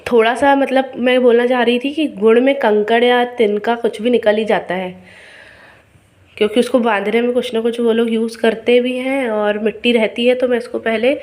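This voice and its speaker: A woman's voice: fairly high pitch, steady tone, moderate pace, a little mellow. A middle-aged woman with a sore throat hosts a casual cooking video, chatting to viewers as friends and explaining each step.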